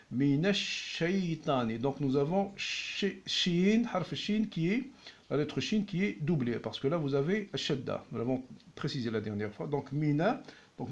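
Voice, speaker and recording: A man teaching at a whiteboard, patiently explaining and repeating each word slowly. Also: mid-range voice, gravelly, highs cut off. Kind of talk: slow classroom explanation.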